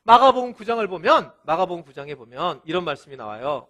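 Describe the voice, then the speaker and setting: A male pastor delivering a sermon in an animated, storytelling way, acting out quoted lines, with a thin, light voice. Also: sits high, fast.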